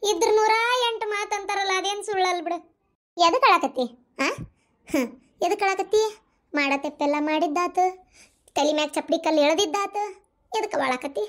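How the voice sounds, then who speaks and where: A woman's voice: extremely high pitch, normal speed, long pauses. A woman voicing a distraught middle-aged village mother in a cartoon, scolding and wailing in a North Karnataka Kannada accent. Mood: lamenting. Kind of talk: cartoon voice acting.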